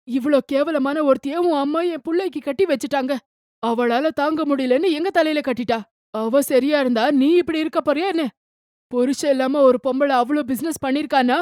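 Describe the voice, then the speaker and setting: A woman's voice: high voice, brisk, a little mellow, no room sound, studio quality, lightly acted. A woman voicing a harsh, accusing older mother-in-law in a cartoon story, taunting and insulting. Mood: scornful.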